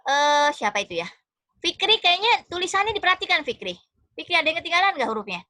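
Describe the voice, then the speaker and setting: A woman's voice: very high voice, very animated, quick pace, pushed and bright, no echo. A woman with an Indonesian accent teaching an online class over a video call, affectionately encouraging students and calling on them one by one.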